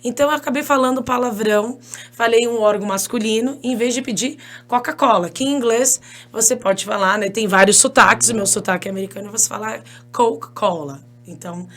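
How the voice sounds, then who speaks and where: A woman with a Brazilian Portuguese accent, an English teacher telling stories as a podcast guest in an animated, chatty way. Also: fairly high pitch, fast. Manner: animated, chatty, laughs often, addresses listeners as "gente". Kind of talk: casual interview storytelling.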